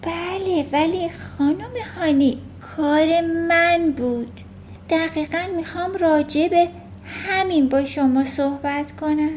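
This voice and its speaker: A woman's voice: sits high, a little mellow, a little hiss or hum, pitched above the performer's own voice, lightly acted. Matilda, a woman voicing an earnest little girl. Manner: earnest, plain-spoken. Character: earnest little schoolgirl with strange powers.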